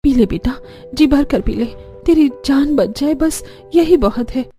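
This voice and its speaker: A woman's voice: high-pitched, animated, unhurried, mellow, faint music behind. A woman voicing a devoted young mother who speaks tenderly and with urgency.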